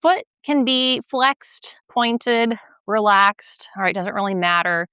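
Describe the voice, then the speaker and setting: Woman stretch instructor, bright voice, dry close sound, gentle, a bit breathless. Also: medium pitch, takes it slowly, clean tone, no room sound. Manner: gentle, patient, checks in with "all right?". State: slightly out of breath while stretching. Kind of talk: guided exercise instruction.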